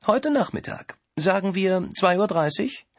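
A man voicing a polite, smooth-talking male art dealer eager for a deal. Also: sits high, animated, unhurried, no room sound, voice pushed up, exaggerated voice. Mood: courteous, eager.

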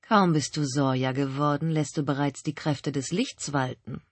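Cult leader guy, smooth n condescending, kinda breathy, a woman reading him. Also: low voice, steady tone, normal speed, no room sound. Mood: pleased. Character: suave male cult leader, coldly menacing.

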